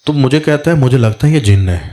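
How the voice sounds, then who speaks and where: A man's voice: mid-range voice, expressive, dark tone. A man, a Sufi spiritual guide, telling a story in a religious talk and acting out the dialogue in quoted voices.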